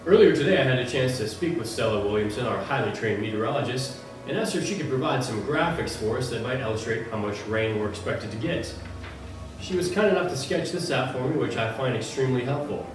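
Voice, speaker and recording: Man as mock-authoritative male anchor, deadpan parody news delivery, off-mic in a very reverberant room. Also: medium pitch, quick pace, close to an everyday voice. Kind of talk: parody newscast. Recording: echoey room, distant mic, music behind.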